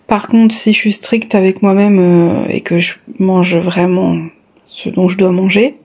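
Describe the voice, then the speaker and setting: A woman with a soft, mellow voice at a middle pitch, talking casually as a vlogger would. She sounds a little breathless and speaks haltingly, pausing often to find her next phrase. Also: flat delivery, husky. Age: adult, a parent of a child. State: slightly short of breath, breathy pauses. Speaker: YouTube vlogger. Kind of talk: casual chat to viewers, unboxing.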